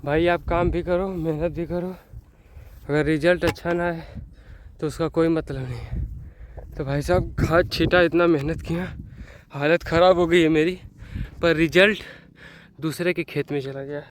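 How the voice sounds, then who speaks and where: This young man from northern India vlogs casually to camera, first outdoors in farm fields and later at home, chatty, rueful and self-mocking, often calling viewers "brother" and saying "bhai sahab." His voice sits on the high side with a steady tone at normal speed, with frequent pauses and a little hiss or hum.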